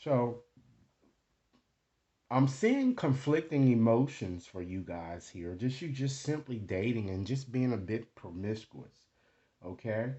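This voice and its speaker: A man's voice: mid-range voice, big pitch swings, takes it slowly, warm tone, muffled recording. A man speaking casually as a tarot reader, improvising to the viewer and often checking in with short tag questions. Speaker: tarot card reader, host. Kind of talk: casual, improvised card reading addressed to the viewer.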